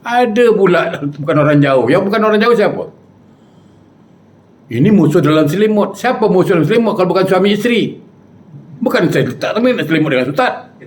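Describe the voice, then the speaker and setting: A man preaching with animated, jokey storytelling. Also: high-pitched, fairly quick. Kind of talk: humorous storytelling sermon.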